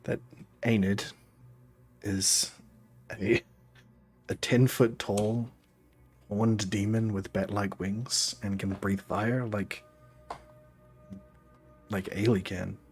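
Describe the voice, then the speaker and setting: A man narrating as game master of a tabletop game, slow and halting with many pauses. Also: on the low side, steady tone, a little mellow, breathy edge, faint music behind.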